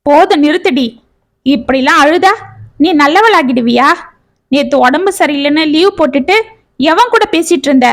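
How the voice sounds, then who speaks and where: A woman's voice: high-pitched, lively intonation, moderate pace, pauses often. A woman voicing an angry young husband who scolds and accuses his wife in a bitter tone.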